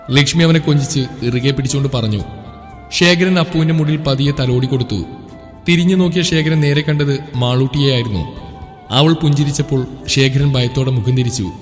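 A man reading a romance story aloud in a steady, descriptive way. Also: mid-range voice. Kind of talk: scripted narration of a romance story. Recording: echoey room with background music.

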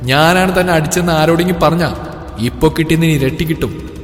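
A man's voice: a little high, a little fast, close to an everyday voice. A man voicing a fierce stubborn young woman. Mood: angry threatening. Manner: threatening, defiant, plaintive. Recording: echoey room with reverb, faint music.

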